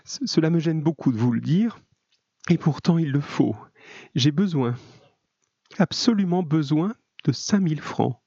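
A man's voice: a little high, expressive, measured pace, vocal fry, long pauses, warm tone, breathy edge, no room sound, voice pushed up, heavily acted. A man voicing an anxious, hypnotized young woman who stammers and pleads. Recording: dull lo-fi, dry.

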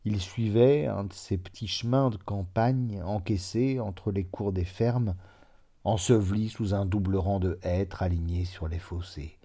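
Man, audiobook narration, measured reading, dark tone, low voice. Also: breathy edge.

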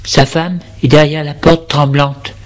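A man reading a dramatic story aloud in a measured, deliberate narration. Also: fairly high pitch, little pitch movement.

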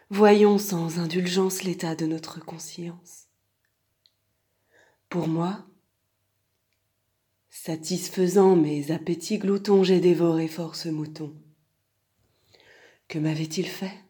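A woman voicing a proud male lion king who speaks in a low, hushed, half-whispered way. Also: breathy edge, heavily acted.

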